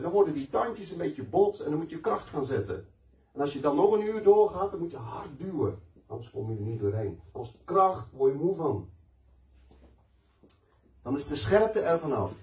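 A man's voice: on the high side, darkish tone. A man preaching a sermon, telling stories in a conversational, emphatic way and mixing in personal testimony. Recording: echoey room, mic at a distance.

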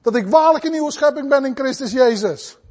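A man preaching a fervent sermon, swinging between loud, urgent passages and soft, pleading ones. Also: very high-pitched, expressive, a little fast.

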